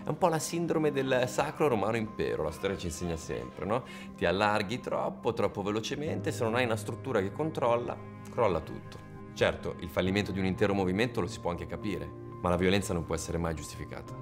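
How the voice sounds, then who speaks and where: A man's voice: lowish voice, lively intonation, brisk, over music. A man playing a political commentator in a mockumentary interview, explaining things in a lecturing tone. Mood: analytical.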